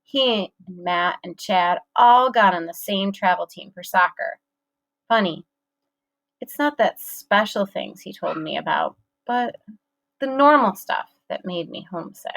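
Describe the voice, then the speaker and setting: A woman narrating a children's audiobook in a measured storytelling manner. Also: mid-range voice, lively intonation, creaky, fairly bright tone.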